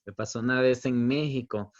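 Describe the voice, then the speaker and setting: A man preaching a sermon as pastor, telling stories with light humor, slowing for emphasis and then rushing through asides. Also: mid-range voice, steady tone, highs cut off. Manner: storytelling with humor, chuckles between points; swings between emphatic stretched phrases and quick asides.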